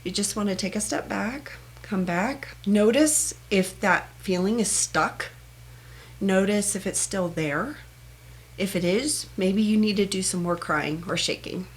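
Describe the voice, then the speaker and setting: A woman teaching a self-help meditation technique in a soft, earnest manner, speaking in short, repeated phrases. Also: mid-range voice, a little slow. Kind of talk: gentle guided self-help instruction.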